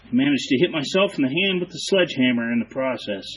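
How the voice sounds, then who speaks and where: A man's voice: medium pitch, fast, a little hiss or hum, rough recording. A man hosting casual shop talk, explaining repair work to viewers as he goes, out of breath. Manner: relaxed, explains work to viewers while doing it. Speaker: host. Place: workshop.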